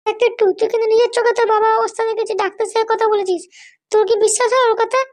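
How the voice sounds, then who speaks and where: Woman doing a shrill scolding mother-in-law. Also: little pitch movement, racing, darkish tone. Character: scheming bullying mother-in-law, older woman. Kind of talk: cartoon voice acting.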